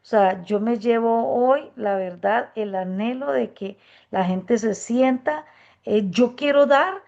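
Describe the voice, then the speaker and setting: A woman speaks up at a workshop, reflecting earnestly in a deliberately soft, gentle voice. She hesitates often, filling gaps as she thinks aloud. The recording is dull and muffled. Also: on the high side, creaky. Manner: speaks softly and gently on purpose. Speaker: workshop participant. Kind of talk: spontaneous testimony.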